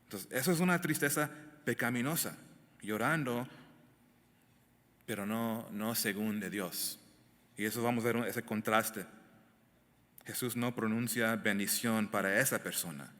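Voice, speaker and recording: Speaking at a measured pace with frequent pauses, a pastor with a fairly low, slightly bright voice teaches a verse-by-verse Bible sermon. He is emphatic and asks the congregation direct questions. The hall is echoey with long reverb.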